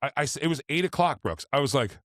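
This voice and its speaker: A man's voice: mid-range voice, expressive, quick pace, a bit bright, no room sound. Guy with braces bantering on a podcast, bit slurry, really dry studio sound. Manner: talking with braces, slightly slurred articulation. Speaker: podcast host. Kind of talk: casual animated banter and storytelling.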